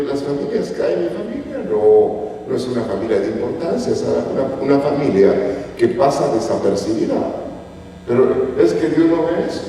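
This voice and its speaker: A man's voice: medium pitch, mellow, slight background noise. A man from Guatemala preaching a sermon in a church, telling stories with rising emphasis. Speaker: pastor. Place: church hall. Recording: echoey church hall from far off.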